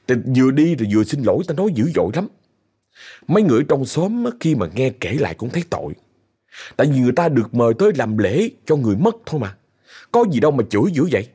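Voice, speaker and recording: A man's voice: medium pitch, dark tone, slightly rough. A man with a Southern Vietnamese accent narrating a ghost story in a chatty way, talking straight to his listeners. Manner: chatty, addresses listeners directly.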